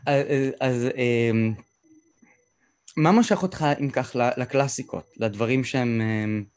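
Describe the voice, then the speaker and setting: A man's voice: medium pitch, darkish tone, a little hiss or hum. A man conducting a conversational interview, hesitantly searching for his words as he frames questions and remarks.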